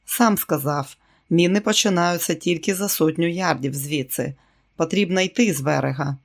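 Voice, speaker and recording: A male audiobook reader voicing a resolute young man speaking in a low hush. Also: normal speed, vocal fry. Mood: determined. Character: determined young male escapee, hushed.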